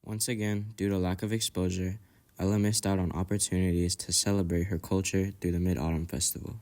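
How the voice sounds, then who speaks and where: A man reading scripted documentary narration in an even, read-aloud delivery. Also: low-pitched, a little fast.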